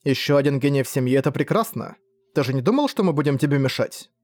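A man's voice: medium pitch, expressive, quick pace, close to an everyday voice. A man voicing a stern, overbearing middle-aged mother who scolds her son, in an audiobook. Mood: reproachful. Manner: sharp and scolding, shouting at times.

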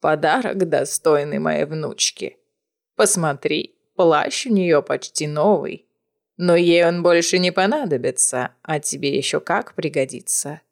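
A woman's voice: low voice, unhurried, creaky, voice pushed down. A woman voicing a cold old witch grandmother. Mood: cold, commanding. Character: cruel old witch matriarch, imperious grandmother.

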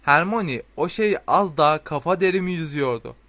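A man's voice: fairly high pitch, expressive, fairly quick, a bit bright. A man reading a storybook voices a flustered teenage boy who exclaims and gets defensive.

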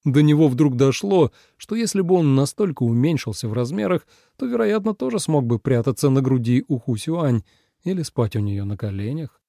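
A man narrating an audiobook with expressive storytelling. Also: mid-range voice, moderate pace, gravelly, no room sound, studio quality.

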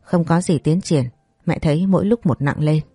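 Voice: medium pitch, normal speed, warm tone, breathy edge, dry recording, soft background music, natural voice. The narrator voicing a stern older wife and mother who talks in a curt, bossy way. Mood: plain.

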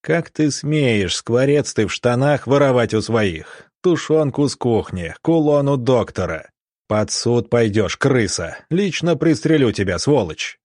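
A man voicing a gruff, quick-tempered army ensign who scolds and threatens. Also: fairly low pitch, very animated, darkish tone, dry recording, clean studio sound, exaggerated voice. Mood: furious.

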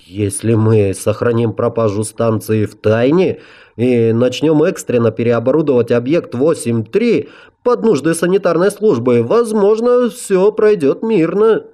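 A man's voice: mid-range voice, animated, warm tone, pitched above the performer's own voice, natural voice. Man voicing a cautious old-guard marshal. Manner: cautious, measured proposing.

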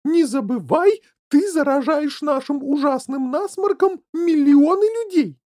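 A man's voice: very high voice, lively intonation, unhurried, darkish tone, voice pushed up. A man reading an audiobook and voicing a doting middle-aged mother who shrieks and wails at her son. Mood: frantic shrieking. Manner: shrieking and wailing.

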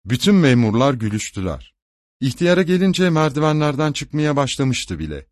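Male audiobook narrator, mid-pitched, even and measured, dry close mic. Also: no echo. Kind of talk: scripted literary narration.

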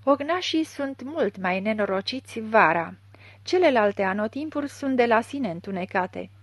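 A woman narrating a literary audiobook with a measured, expressive reading. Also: fairly high pitch, dry recording. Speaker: audiobook reader.

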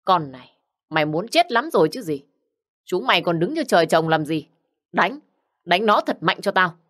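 A woman's voice: fairly low pitch, big pitch swings, moderate pace, a bit bright. A woman voicing a stern old mistress of a household who scolds and gives orders. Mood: commanding. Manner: commanding, scolding.

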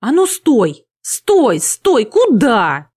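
Woman doing a shrill, excitable young demonologist. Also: extremely slow, husky, heavily acted. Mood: panicked. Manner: shrill, eager, panicky.

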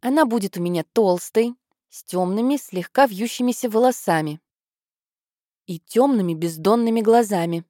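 A woman voicing an eager, gushing teenage girl in an audiobook, higher and breathless with excitement. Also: normal speed, dry recording, studio quality, lightly acted.

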